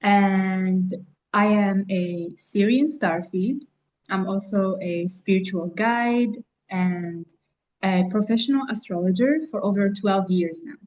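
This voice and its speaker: A woman from Algeria, an astrologer and spiritual guide, answering interview questions in a halting way. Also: mid-range voice, a little mellow, lo-fi sound. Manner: slow, halting, many fillers and restarts. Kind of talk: interview guest.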